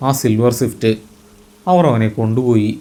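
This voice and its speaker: A man playing a calm, eerie young friend. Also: medium pitch, normal speed, natural voice. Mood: eerily calm. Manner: calm, unbothered, quietly mocking.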